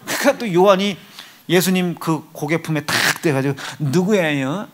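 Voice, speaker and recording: A man's voice: a little high, fairly quick, a little hiss or hum. A man preaching a sermon in a church sanctuary, acting out biblical figures with comic voices, dropping to whispers and rising to outbursts. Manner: acts out disciples in dialect, shifts between whispers and loud outbursts. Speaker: pastor.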